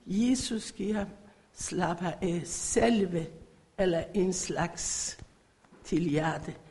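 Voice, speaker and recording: Iransk kvinde med knirkende stemme. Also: female voice, fairly low pitch, mellow. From Iran. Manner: emotional, halting non-native phrasing. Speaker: church member giving testimony. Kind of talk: personal faith testimony. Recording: echoey hall.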